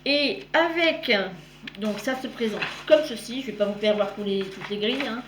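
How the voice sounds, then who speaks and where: A woman's voice: a little high, animated, normal speed, slight background noise. A woman chatting casually through a show-and-tell vlog, meandering and often correcting herself mid-sentence. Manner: addresses viewers warmly as "girls". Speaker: cross-stitch vlogger. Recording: roomy echo.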